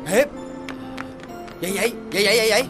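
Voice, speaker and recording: A woman's voice: mid-range voice, music in the background, lightly acted. An actress playing a blunt young woman who scolds a drunk friend. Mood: exasperated. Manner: fast, exasperated scolding.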